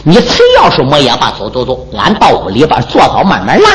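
A man's voice: mid-range voice, wildly swooping pitch, a little fast, a crowd in the background, pitched below the performer's own voice, poor audio. A man voicing a sly, evasive old landlord who talks in a placating, wheedling way, in a traditional storytelling performance. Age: older. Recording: music playing behind.

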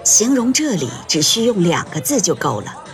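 A woman narrates an audiobook in a gentle, measured way. Her pitch moves lively across each sentence. Faint music plays underneath her voice. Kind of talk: scripted narration.

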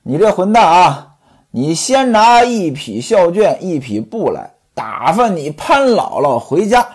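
A storyteller voicing a scheming, sharp-tongued young mistress who gives domineering orders and scolds, with a slightly husky voice and lively pitch. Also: a little slow. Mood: bossy.

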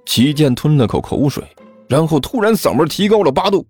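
A man narrating a serialized comic martial-arts story in an expressive, lively manner. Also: a little high, brisk, husky, faint music behind.

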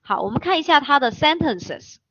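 A woman teaching English vocabulary, slowly spelling words letter by letter and repeating key terms. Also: high voice, animated, a bit bright, dry recording. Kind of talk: vocabulary lesson. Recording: dull, dry close recording.

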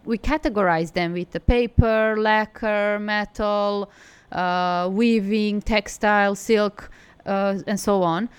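A woman's voice: mid-range voice, fairly even intonation, slow pace, clean tone. A woman from Serbia with a Serbian accent, answering conversationally as an interview guest. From Serbia, from Belgrade. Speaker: interview guest, design studio co-founder.

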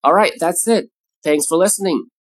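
This recorded lesson features a man whose voice sits high, teaching pronunciation. He talks in a measured way, going over example words slowly and carefully more than once.

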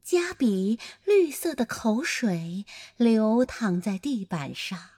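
Playful woman storyteller for a children's story, high and lively, unhurried. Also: husky. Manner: animated, playful.

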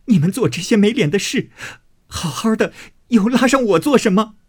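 A man's voice: expressive, moderate pace, husky. A man voicing a wronged young maidservant who protests through tears. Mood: tearful protest. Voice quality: tearful, high and pleading.

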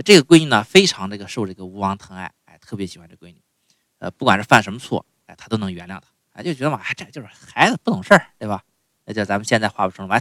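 A male storyteller with a low voice that swings widely as he tells a comic folk tale. He chats with his listeners and keeps tossing in asides. The sound is dry and close. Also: a bit bright, dry recording. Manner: chatty, lots of "哎" and "对吧" asides.

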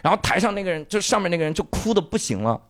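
A man casually retelling a drama's plot on a chat show, acting out the characters' lines and bursting into loud swearing at the emotional moments. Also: high-pitched, very fast, no room sound. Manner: animated storytelling, acts out lines with loud swearing outbursts. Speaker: podcast co-host.

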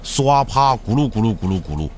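A man voicing a deadpan, wisecracking assistant in a fan audio drama. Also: fairly low pitch, brisk, slight background noise.

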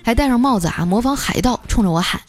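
A woman telling comic stories as a podcast host, lively and chuckling often. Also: on the high side, fast. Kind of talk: comic storytelling. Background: background music.

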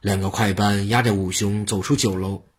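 Husky low-voiced male storyteller. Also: steady tone, moderate pace. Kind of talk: scripted traditional storytelling narration.

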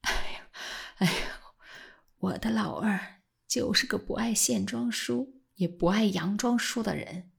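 Lady doing an old scholar guy, husky, keeps it low and whispery then flares up, pitch swings a lot. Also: expressive, unhurried. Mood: hushed. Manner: speaks low and hushed, often near a whisper, flaring into passion. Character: old male scholar, gentle but fiercely patriotic.

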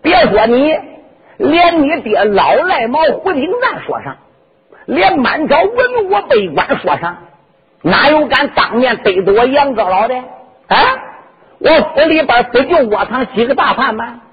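A man's voice: very high voice, sing-song, unhurried, slightly rough, big-room sound, full character voice. A man putting on an arrogant bullying old minister. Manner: boastful, menacing. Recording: dull lo-fi recording with instrument music.

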